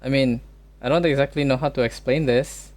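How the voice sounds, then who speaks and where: A man streaming casually, arguing playful debate prompts with joking disbelief and quick exclamations. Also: mid-range voice, fairly even intonation, darkish tone. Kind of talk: casual solo stream chat.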